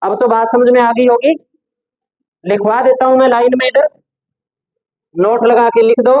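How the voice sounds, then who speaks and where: Male teacher dictating notes slowly. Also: extremely high pitch, flat delivery, darkish tone, dry recording, low-quality recording. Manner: repeats key phrases slowly for note-taking. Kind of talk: classroom lecture dictating notes.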